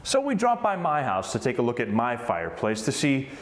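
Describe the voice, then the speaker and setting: A man's voice: mid-range voice, huge pitch swings, a little fast. A man working as a TV news reporter, narrating a scripted package in a dramatic storytelling delivery.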